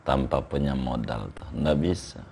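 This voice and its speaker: Low gravelly older man. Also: measured pace, background noise. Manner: explanatory, repeats phrases, recites Arabic text aloud. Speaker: Islamic scholar, interview guest. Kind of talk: relaxed conversational interview.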